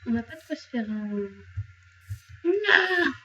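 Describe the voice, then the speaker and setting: A woman's voice: fairly high pitch, brisk, mellow, a little hiss or hum, low-quality recording. A young woman chatting playfully to her viewers while she plays, talking to objects and joking about crying. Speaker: gaming youtuber. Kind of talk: casual let's play commentary.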